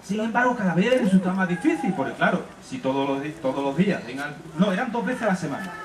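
An animated storyteller from Spain entertains children, his fairly high voice bouncing up and down as he stops and restarts. He sounds far from the mic in an echoey room, and a crowd murmurs behind him. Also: background noise. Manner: animated, halting narration with restarts. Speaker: storyteller and author. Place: live storytelling session.

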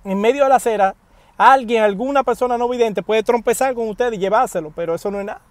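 A man talks quickly in a fairly high voice, giving casual news commentary from the driver's seat of a parked car. Animated, he addresses viewers directly with emphatic pleas, and the wired earphone mic makes the sound dry and close, without echo.

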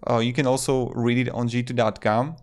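A man in his twenties hosts a video, narrating a casual review in loose phrasing, fairly quickly, with a mid-range voice and little pitch movement. He sits close to a desktop microphone in a small indoor room.

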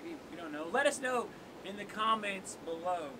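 A man's voice: expressive, normal speed, crowd noise. A young man hosting an outdoor workout, joking and counting down for viewers in a seaside cave. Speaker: workout host. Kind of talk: casual workout coaching. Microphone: camera on tripod at a distance. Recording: noisy outdoor recording with wave rumble.

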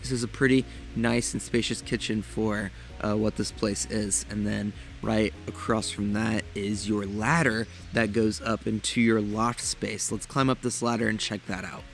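A man's voice: lowish voice, little pitch movement, normal speed, few pauses, a bit bright, faint music behind. A young man hosting a tiny house tour, narrating with enthusiasm and talking straight to viewers. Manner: enthusiastic, addresses viewers directly. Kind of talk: upbeat walkthrough narration.

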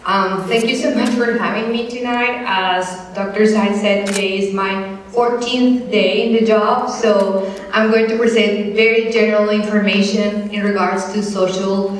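A woman's voice: mid-range voice, distant mic, slight background noise. Colombian-born woman lecturing in an echoey hall. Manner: measured, explanatory, steady. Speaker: panel speaker. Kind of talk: lecture presentation.

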